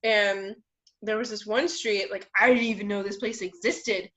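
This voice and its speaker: A young woman co-hosting a casual home podcast, chatting bluntly and telling stories with a joking edge, and she says her voice is deep for a woman. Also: fairly even intonation, moderate pace, fairly bright tone. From Florida. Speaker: podcast co-host. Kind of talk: casual chat. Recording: muffled lo-fi home recording.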